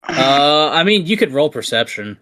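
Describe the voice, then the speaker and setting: A man's voice: on the high side, big pitch swings, normal speed, bright, forceful tone. A man running a tabletop game as game master, casual and matter-of-fact.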